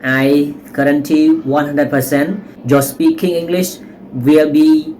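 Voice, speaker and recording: An English teacher with a Cambodian accent and Khmer as first language, giving learners informal advice to camera in a halting, repetitive way with frequent check-in tags. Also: medium pitch, fairly even intonation, a little mellow, rough recording. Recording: noticeable background noise.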